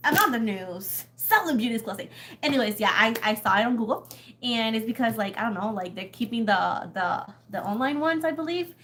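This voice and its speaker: There's slight background noise as a young Puerto Rican woman talks fairly quickly in an animated, slightly high, fairly bright voice. Chatting with viewers of her tarot livestream in her Puerto Rican accent, she rambles, laughs often and swears casually.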